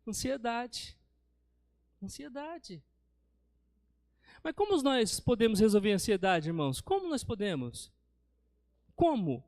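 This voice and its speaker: A man's voice: high voice, big pitch swings, moderate pace, a little mellow, no room sound, clean studio sound. A man with a Brazilian accent preaching a sermon in church, telling stories and often calling his listeners brothers. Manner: storytelling, addresses listeners as brothers.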